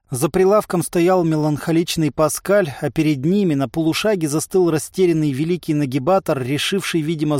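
A man narrating an audiobook in a steady, wry storytelling manner. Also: fairly high pitch, dry recording, clean studio sound. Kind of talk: audiobook reading.

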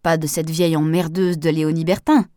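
Henri is a grumbling older man with a gloomy, complaining way of talking, read by a woman in her own low voice. The recording is dry and close. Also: little pitch movement, fairly quick, warm tone, no room sound, close to an everyday voice.

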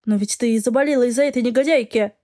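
A woman's voice: on the high side, rapid-fire, mellow, natural voice. A woman voicing a haughty, hostile middle-aged stepmother in an audiobook, speaking in a harsh, accusing way.

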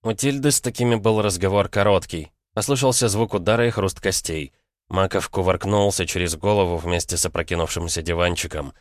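A man narrating a fantasy audiobook in a steady, even reading. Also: deep voice, a little fast, dry recording, clean studio sound. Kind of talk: scripted fiction narration.

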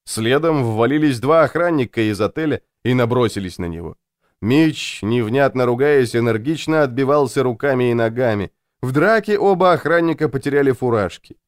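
A man reading an audiobook with expressive storytelling narration. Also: mid-range voice, normal speed, no room sound, studio quality. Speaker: audiobook reader. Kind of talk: scripted narration.

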